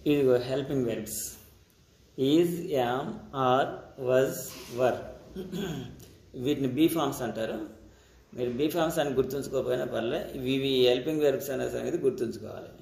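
A man's voice: medium pitch, moderate pace, vocal fry, a little mellow, reverberant. A man with a Telugu accent teaching English grammar step by step, checking in with his students as he goes. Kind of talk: classroom-style grammar lesson.

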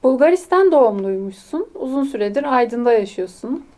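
A woman hosts a casual talk show interview, nudging her guest along with teasing questions. Her voice sits somewhat high. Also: lively intonation, a little fast, dark tone.

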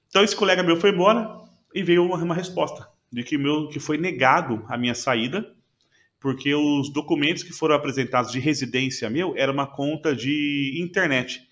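A man's voice: a little high, fairly bright tone. A man, a podcast guest, earnestly retelling a personal testimony with emotion and frequent restarts.

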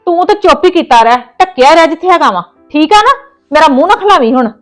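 A sulky, snappish mother, played by a woman in a family web drama, brushing off her son with curt replies. Her voice is high, with faint music behind. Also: animated, fast talker, a bit bright.

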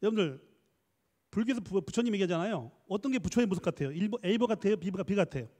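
Animated Korean man lecturing in a hall. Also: high-pitched. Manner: animated, coaxes the audience to read aloud and answer; mixes polite and casual speech, quick asides. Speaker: professor leading a church training lecture. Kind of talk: lively church lecture on counseling.

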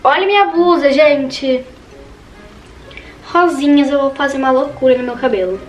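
A teenage girl vlogs from her bedroom at home, her high-pitched voice moving at a normal pace and picked up from a distance with soft music playing behind her. She chats nervously with her viewers and keeps calling them "gente." The casual talk echoes around the room, mixed with household background noise.

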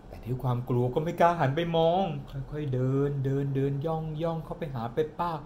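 A slightly high-pitched man in his forties spins an improvised ghost story for his young daughter in their living room, animated and dramatic, slowing down to build suspense. A camera sits close on the table in front of him, and there's a bit of background noise.

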